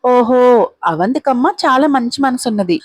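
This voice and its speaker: Fussing older housekeeper, kindly and motherly, voice lifted high, as a woman storyteller puts her on. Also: lively intonation, moderate pace, no echo, clean studio sound.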